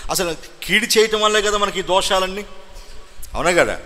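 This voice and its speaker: A man preaching a Sunday sermon as pastor, firing questions at the congregation and rising into loud exhortations. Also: high voice, normal speed. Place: church hall. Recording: long hall reverb.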